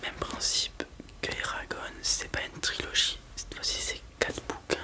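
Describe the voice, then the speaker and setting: Someone in a whispered role-play as a librarian, speaking in a soft library whisper while presenting and reading from books. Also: moderate pace. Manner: reads blurbs aloud, then comments informally with hesitations. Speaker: ASMR creator playing a librarian presenting books.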